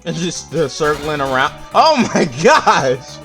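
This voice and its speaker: A man's voice: on the high side, big pitch swings, slow pace. A man giving casual, joking gameplay commentary and teasing himself as he plays. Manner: joking, playful, self-mocking. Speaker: let's-play gamer. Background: faint game music.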